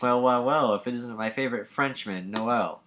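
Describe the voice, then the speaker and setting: A man voicing a goofy, trolling teenage girl prankster who acts deliberately dumb, in a mock-grand way. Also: mid-range voice, fairly bright tone, a little hiss or hum, lightly acted.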